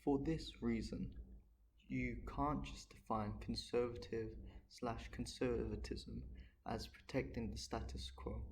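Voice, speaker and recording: Gravelly man in an earnest monologue. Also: mid-range voice, a little mellow, a little hiss or hum, poor audio. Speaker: political commentator. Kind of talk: unscripted solo monologue.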